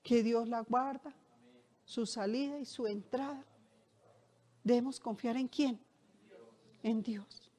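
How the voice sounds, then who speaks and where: Woman, middle-aged, pastor, conversational sermon, rhetorical questions, slightly high voice. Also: steady tone, takes it slowly, long pauses, mellow. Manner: asks the congregation rhetorical questions; conversational, shares personal anecdotes.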